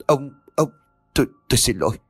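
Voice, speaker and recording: A man voicing a nervous young male gambler who talks in an agitated, quick, pleading way. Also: medium pitch, expressive, no room sound, soft background music. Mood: scared.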